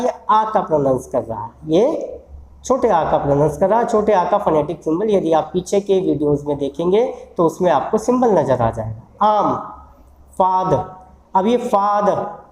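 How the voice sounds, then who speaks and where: An English teacher giving a recorded lesson on phonetic symbols, who says example words again and again, slowly, to model their pronunciation. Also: medium pitch, a little mellow, echoey room, low-quality recording. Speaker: English teacher at a law institute.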